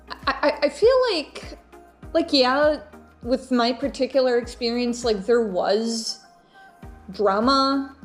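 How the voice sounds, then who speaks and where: Slow-talking young woman vlogger, higher voice. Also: darkish tone. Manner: halting, repeats words and phrases. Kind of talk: casual chatty personal storytelling.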